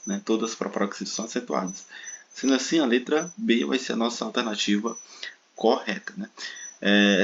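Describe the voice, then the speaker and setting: A man's voice: on the low side, fairly bright tone, dull audio, a little hiss or hum. A Brazilian man teaching an online Portuguese grammar lesson, explaining step by step with frequent tag questions and stretched stressed syllables. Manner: stretches stressed syllables when giving examples.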